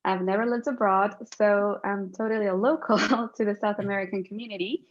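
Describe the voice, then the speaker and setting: A woman from Chile, upbeat and quick to laugh, answering interview questions. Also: mid-range voice, fairly even intonation. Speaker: guest, lawyer turned space volunteer. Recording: muffled lo-fi call audio.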